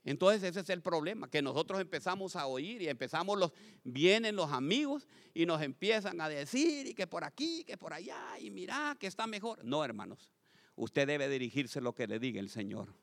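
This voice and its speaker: A man preaching a lively sermon to his congregation as pastor, swinging from loud calls to quiet asides and asking the crowd questions. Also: fairly high pitch, moderate pace, vocal fry. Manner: addresses congregation as brothers, asks questions.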